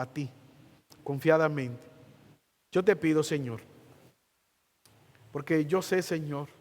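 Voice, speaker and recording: Pastor guy preaching then praying, slow and earnest, drags out key words, kinda high voice, big church echo. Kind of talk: sermon ending in prayer.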